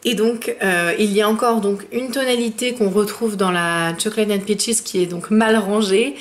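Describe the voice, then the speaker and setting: A woman with a chatty manner, reviewing eyeshadow palettes and slowing down to name each shade. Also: mid-range voice, steady tone. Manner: chatty, fillers, slows down when naming shades. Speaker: beauty vlogger. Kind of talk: makeup review with swatches.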